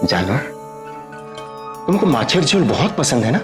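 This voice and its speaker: Sly, menacing husband, swinging intonation. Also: male voice, mid-range voice, sing-song, unhurried. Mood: mock-sweet. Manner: coaxing, taunting. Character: menacing, mock-sweet husband and father, controlling and sly. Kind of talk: Hindi TV crime drama acting. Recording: music behind the voice.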